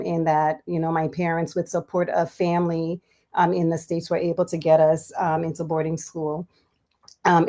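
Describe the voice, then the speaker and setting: A woman in her forties from Liberia, a physician telling her life story as a guest in a relaxed interview, chatty and quick to laugh. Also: fairly low pitch. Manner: chatty, laughs often, many fillers.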